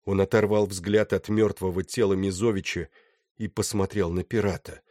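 A man narrating a novel with steady, dramatic storytelling. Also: low-pitched, normal speed, no room sound, clean studio sound. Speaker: audiobook narrator. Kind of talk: scripted narration.

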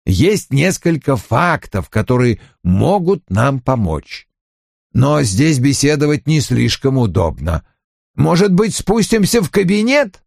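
Man reading haughty detective, lecturing, slow and gravelly, dry close sound. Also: mid-range voice, big pitch swings, a little mellow, dry recording, heavily acted. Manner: measured, lecturing. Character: older male detective, haughty and deliberate. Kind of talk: audiobook reading.

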